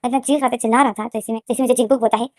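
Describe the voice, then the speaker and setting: A woman retelling a fan fiction story in a casual, fast, repetitive way, often restarting her sentences. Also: on the high side, steady tone, a little mellow, no echo, studio quality.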